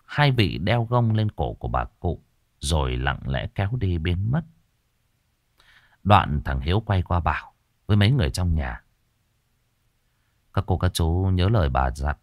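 This horror story comes from a man whose low voice rises and falls with lively intonation. The measured, dramatic telling is recorded dry and close-miked.

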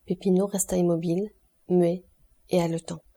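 Husky-voiced woman reading an audiobook. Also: on the low side. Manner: measured, expressive reading. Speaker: audiobook narrator. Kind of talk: literary audiobook narration.

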